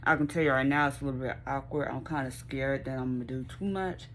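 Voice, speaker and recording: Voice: medium pitch, fast talker, a little hiss or hum. An American vlogger chatting casually and expressively to viewers with folksy phrasing, mouth movement limited by a sore jaw after surgery. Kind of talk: casual chatty recovery vlog.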